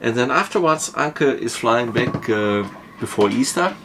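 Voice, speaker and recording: A man in his fifties, a native German speaker, calmly explaining his sailing plans from the saloon of his boat. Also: mid-range voice, background noise. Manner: measured, explains step by step with small fillers. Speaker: sailing vlogger. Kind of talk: casual planning talk to camera. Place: wood-panelled boat saloon, later on deck in a marina.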